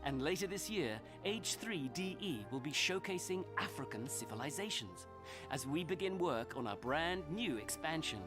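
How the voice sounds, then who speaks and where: A man's voice: on the high side, expressive, moderate pace. A man reading an upbeat, scripted promotional announcement for a game. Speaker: trailer announcer. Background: music.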